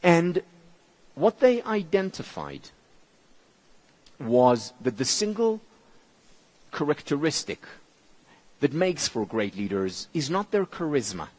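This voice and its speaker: Speaking English as a non-native, this Hebrew-speaking man gives a motivational keynote at a conference. He pauses deliberately and phrases things with measured emphasis, his pitch lively and expressive and sinking low on important words.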